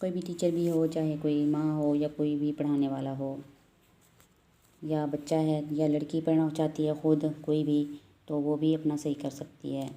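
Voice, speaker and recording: A woman with a Pakistani Urdu accent, teaching Quran reading step by step, patiently repeating letter sounds slowly. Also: low-pitched, level tone, mellow. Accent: Urdu-speaking, Pakistani. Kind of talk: step-by-step recitation lesson.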